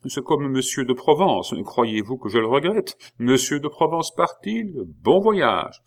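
A man voicing a calm, ironic king in an audiobook reading, humming and drawling before his lines. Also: mid-range voice, a little slow, voice pushed up. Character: King Louis XVI, calm, dry, ironic middle-aged man.

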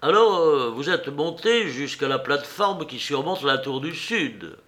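A man voicing a severe police commissioner who questions a suspect sharply and loudly. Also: on the high side, animated, measured pace. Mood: stern. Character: stern, probing male police commissioner.

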